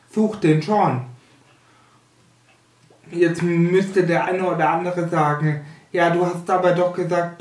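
A man in his thirties hosts a casual video announcement. He speaks slowly, in a measured way with hesitations. The microphone sits away from him, so the small room adds a clear echo. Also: high-pitched. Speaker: YouTube host of a pipe smokers' channel. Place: small furnished room indoors. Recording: roomy echo, distant microphone.

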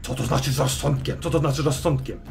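A man voicing a foul-mouthed army general who shouts sarcastic, swearing rebukes at his troops. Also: medium pitch, steady tone, quick pace, creaky, soft background music, lightly acted. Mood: furious scolding. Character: foul-mouthed middle-aged human army general, gruff drill commander. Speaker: fantasy general addressing troops.

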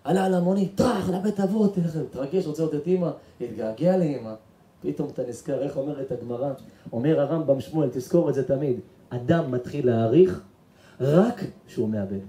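A man, a rabbi, telling an emotional story in a sermon and acting out its characters, moving from hushed tones to shouts. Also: mid-range voice. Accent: Israeli Hebrew. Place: synagogue or event hall. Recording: echoey room.

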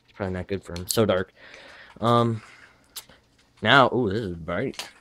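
A man's voice: on the low side, measured pace, bright, forceful tone, a little hiss or hum. A teenage boy with a slightly lispy voice from his retainer, giving an offhand, wandering tour of his bedroom gaming setup on a handheld camera. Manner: offhand, wandering, self-correcting asides. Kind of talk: casual rambling room tour.

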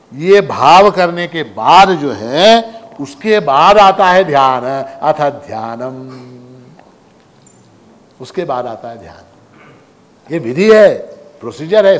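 A man preaching a sermon, asking his listeners questions and answering them himself. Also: a little high. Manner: animated, asks the audience questions and answers them. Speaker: spiritual teacher. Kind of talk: Hindi sermon with storytelling and Sanskrit chant. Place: large hall at a religious festival. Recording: echoing hall, faint background noise.

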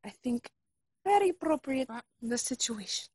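A woman's voice: sits high, very animated, normal speed, a little mellow, breathy edge, no room sound, clean studio sound, full character voice. A woman playing a self-styled fake Russian spy in a comedy sketch, speaking broken English in a put-on Russian accent, whispering conspiratorially and pleading with her mother on the phone.

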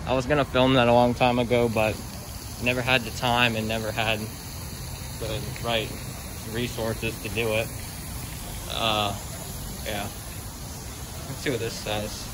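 Walking around a mall at night with his phone held out at arm's length, a teenage vlogger rambles in a medium-pitched voice at a measured pace, leaving long pauses. His talk is loose and full of fillers, ending on upbeat sign-offs, over steady outdoor noise.

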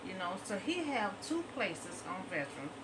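A middle-aged woman sits in her bedroom talking casually to the webcam in front of her about local news, rambling and padding her sentences with "you know." Her mid-range voice swings widely in pitch at a moderate pace. Heavy noise fills the background.

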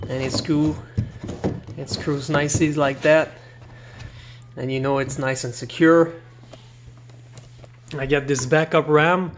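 Heavy background noise surrounds a man with a fairly high-pitched voice as he reviews a kayak indoors, holding the camera over it. Not a native English speaker, he talks haltingly through this casual product walkthrough, full of fillers and restarts.

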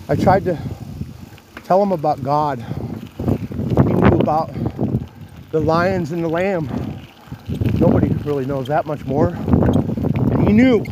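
A man in his fifties vlogging from his bicycle in the rain, talking into his phone in an earnest, rough-spoken ramble full of restarts. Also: on the high side. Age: 50s. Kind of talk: rambling religious talk to camera. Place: outdoors, riding a bicycle in the rain. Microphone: phone held while riding. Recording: wind noise and rain hitting the phone mic.

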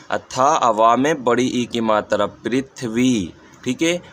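A man giving a patient reading lesson, sounding out letters and often asking what they become. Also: mid-range voice. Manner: patient, repeats "ठीक है" and asks "ये क्या हो जाएगा". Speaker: Hindi reading teacher.

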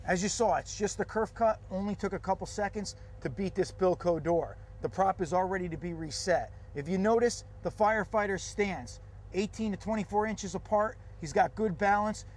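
A man's voice: high-pitched, normal speed, a little mellow, a little hiss or hum. A man instructing firefighters, explaining a forcible entry technique step by step outdoors at a training prop. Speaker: fire service instructor. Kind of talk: instructional demonstration.

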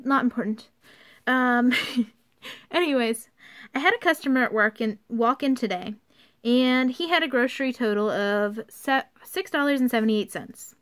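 A young woman giving an earnest, somewhat halting rant to camera from a basement, partly reading from her notes. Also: on the high side, a bit bright. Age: young adult. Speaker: vlogger. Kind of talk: informal video rant, partly read from notes. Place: unfinished basement used for storing workout equipment.

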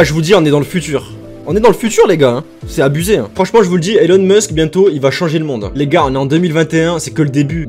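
Fast-talking excitable young man. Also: medium pitch. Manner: excitable, jokey, talks to viewers as "les gars". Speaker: YouTuber. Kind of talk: casual reaction commentary.

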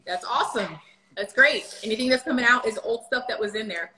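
Here a thirties-aged woman vlogger chats on a home livestream in her kitchen, full of fillers as she answers viewer questions. She talks briskly in a slightly high, pushed, bright voice. The phone at the table yields a rough, echoey recording with a little hiss or hum.

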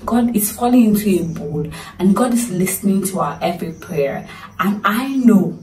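A woman's voice: medium pitch, lively intonation, moderate pace, darkish tone, distant mic, slight background noise. Nigerian woman, motivational vlog talk, pleading and emphatic, roomy echo, voice a little off-mic. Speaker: vlogger. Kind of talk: earnest motivational talk to camera.

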